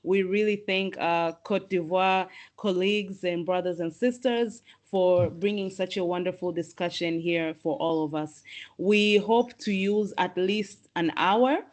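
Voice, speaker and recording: A woman from Tanzania hosts an online professional webinar, her voice a little low. She speaks in a measured, welcoming way, pausing with the odd "um". She sounds like she is on a computer mic during a video call. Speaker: host and moderator. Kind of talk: formal webinar hosting.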